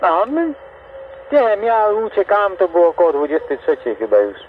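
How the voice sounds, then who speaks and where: Over a CB radio link, a man with a Polish accent from Greater Poland chats casually as an amateur operator. His voice is high and expressive, at a normal pace. The reception is tinny and noisy, with radio static in the background.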